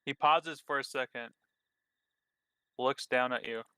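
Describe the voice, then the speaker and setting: A man's voice: mid-range voice, fairly even intonation, a little slow, pushed and bright, clean tone, dry recording. A man narrating as game master of a tabletop game, hesitant, with many fillers and restarts.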